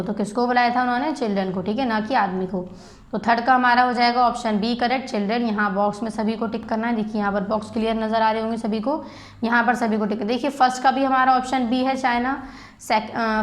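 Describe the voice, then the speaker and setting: A woman school teacher with an Indian English accent, slowly explaining a class exercise in Hindi and spelling English words letter by letter. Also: on the high side, steady tone.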